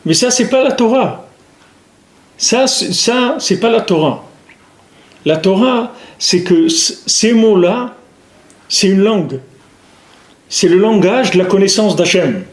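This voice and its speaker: A man delivers a religious lesson in a somewhat high voice. He presses his points by repeating them and asking rhetorical questions. The sound carries a noticeable room echo. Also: expressive, slow pace, pauses often. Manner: repetitive, emphatic, rhetorical questions. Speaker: rabbi teaching. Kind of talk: spoken Torah lesson. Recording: echoey room.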